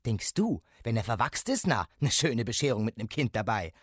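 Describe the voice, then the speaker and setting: A man voicing a gruff middle-aged stonemason who objects brusquely, read in a storybook. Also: mid-range voice, big pitch swings, normal speed, dry recording, studio quality. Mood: disapproving. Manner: brusque, disapproving.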